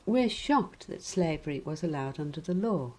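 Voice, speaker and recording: A woman preaching a sermon in a measured, gently wry reflective way. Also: low-pitched, lively intonation, low-quality recording.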